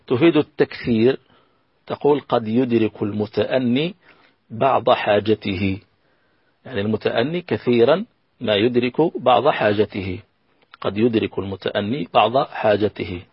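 A man teaching a lesson on Arabic grammar, slow and patient, repeating key phrases and working through examples. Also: medium pitch, breathy edge, no room sound, highs cut off. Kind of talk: recorded classroom lesson.

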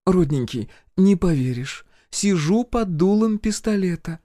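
A man's voice: fairly high pitch, lively intonation, mellow, no room sound, voice pushed up, lightly acted. Sarcastic healer woman, teasing and lilting, read by a male narrator; dry close sound. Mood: sweetly ironic. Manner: mocking, teasing, drawn-out. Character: sarcastic unflappable middle-aged woman healer.

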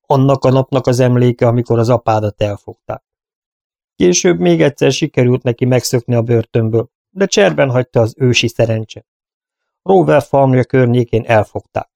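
A man narrates an audiobook in a measured, even storytelling manner, his voice mid-range. The studio recording is clean, with no room sound.

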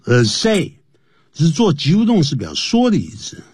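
Lively-voiced man teaching English on radio. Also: husky, no echo, studio quality. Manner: explains slowly and repeats phrases, lively drawn-out pitch. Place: radio studio.

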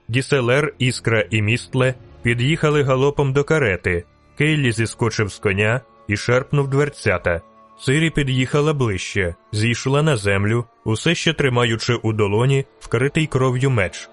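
A man reading a dramatic audiobook in measured, clipped phrases. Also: mid-range voice. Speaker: audiobook narrator.

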